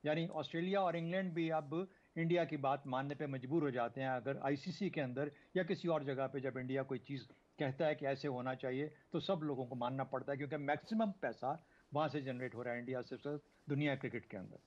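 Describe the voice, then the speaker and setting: A man joins a TV panel to explain cricket matters in a calm, steady way, pausing now and then to find his words. His voice sits mid-range, and the sound is dull and lo-fi, like a remote link. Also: mid-range voice. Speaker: cricket analyst guest. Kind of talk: TV panel analysis.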